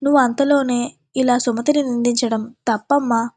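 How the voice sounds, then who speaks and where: A woman voicing a young husband, loud and protective. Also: a little high, steady tone, moderate pace, no echo, close to an everyday voice. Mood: angry scolding. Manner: pleading, then scolding loudly. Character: caring young husband defending his wife.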